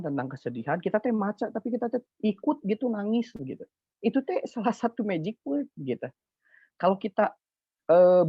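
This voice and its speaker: A young man with a Sundanese accent gives a chatty, animated lecture on poetry to students. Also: a little high, no room sound. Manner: chatty, animated, uses fillers. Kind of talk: informal online lecture. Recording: dull dry lo-fi recording.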